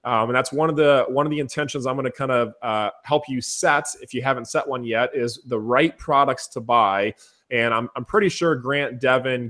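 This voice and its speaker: A man hosting a casual webinar, energetic and enthusiastic as he talks to his viewers, his voice going hoarse. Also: mid-range voice. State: losing his voice. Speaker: webinar host.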